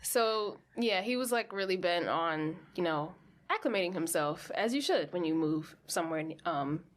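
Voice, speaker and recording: Animated swearing woman podcast co-host. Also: lowish voice, normal speed. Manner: animated, laughing, swears freely, acts out quotes. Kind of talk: casual chat.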